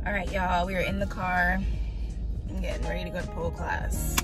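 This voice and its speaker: A woman's voice: fairly low pitch, level tone, a little fast, loud music behind the voice. A young woman vlogging from inside her car, chatting upbeat and casual to her viewers, speaking to a phone on the dashboard. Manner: chatty and upbeat, addresses viewers as y'all and guys. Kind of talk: casual vlog talk to camera.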